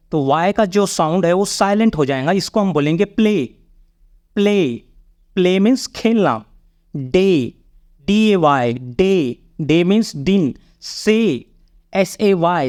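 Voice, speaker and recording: A man's voice: high-pitched, darkish tone. A man teaching an English spelling lesson. He spells each word out letter by letter, repeats it, and often checks that listeners have understood. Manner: spells words letter by letter and repeats them slowly.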